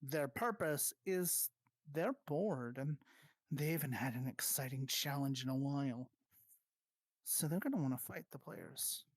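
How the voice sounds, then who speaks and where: A game master in a casual online voice chat, handing out quick instructions and often restarting sentences. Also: mid-range voice, no room sound, clean studio sound.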